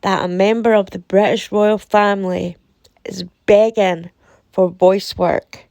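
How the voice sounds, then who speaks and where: Woman from the UK, sore throat, creaky voice in a dry recording; opinionated, emphatic casual commentary. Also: mid-range voice, steady tone, darkish tone, dry recording. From United Kingdom. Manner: deliberate, emphatic, repeating phrases for effect. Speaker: commentator reading and reacting to a website.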